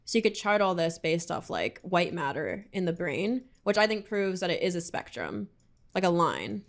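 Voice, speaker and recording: A young woman in a casual debate chat, talking fast, laughing often and swearing when riled. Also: lowish voice, sing-song. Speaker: guest debating.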